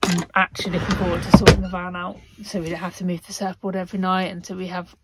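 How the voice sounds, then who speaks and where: A woman in her thirties chatting casually to a handheld phone camera inside a small camper van at night, self-mocking and quick to laugh. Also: lowish voice, flat delivery, very noisy. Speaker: vlogger. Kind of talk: casual vlog chat. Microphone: handheld phone camera at arm's length.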